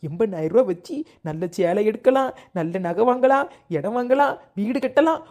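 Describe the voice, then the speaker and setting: A woman's voice: a little high, lively intonation, moderate pace, darkish tone, natural voice. Woman voicing a scheming bragging cartoon aunt. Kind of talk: cartoon voice acting.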